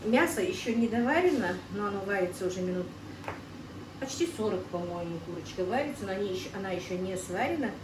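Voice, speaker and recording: In her casual cooking vlog, a middle-aged woman cooks at home and chats quickly and expressively with a mid-range voice, treating her viewers as friends and repeatedly naming them so. The mic is some distance away in an echoey kitchen, and a faint hum sits beneath her.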